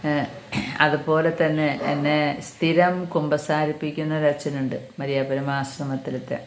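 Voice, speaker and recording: A woman's voice: deep voice, level tone, moderate pace, a little hiss or hum. A middle-aged woman, a catechism teacher, giving an earnest personal religious testimony and calling listeners dear brothers and sisters. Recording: echoey room.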